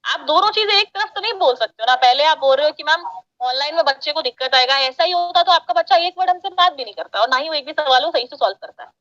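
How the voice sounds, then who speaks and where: A woman's voice: high-pitched, expressive, fast talker, a bit bright, muffled recording. A woman working as an education sales counselor, pressing a parent on the phone and talking over his objections. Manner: pushy, persuasive, talks over the caller. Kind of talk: sales call.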